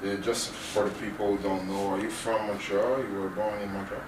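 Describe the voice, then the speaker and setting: Man, radio host, halting questions, low voice, roomy and far from the mic. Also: flat delivery. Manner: halting questions, fillers, says "dope". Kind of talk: casual interview. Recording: roomy, distant from mic, faint noise.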